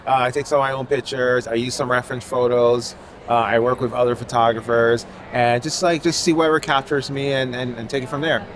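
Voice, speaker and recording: A Haitian artist gives a casual interview at an outdoor art fair, rambling loosely and leaning on filler phrases. His mid-range voice is fairly bright, with little pitch movement, and he talks a little fast.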